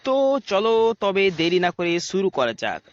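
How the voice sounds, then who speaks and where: A man hosting a casual spoken lesson, chatty and friendly, saying each word twice, slowly and clearly. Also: high voice, big pitch swings, dry recording, lo-fi sound. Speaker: channel host teaching English words.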